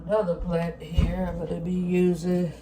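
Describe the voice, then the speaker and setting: At her home kitchen counter, a plant vlogger still congested after sinus surgery walks viewers through a hands-on demo step by step in a folksy, casual way. Her medium-pitched voice is stuffy and nasal, monotone, at a moderate pace, with music playing behind her.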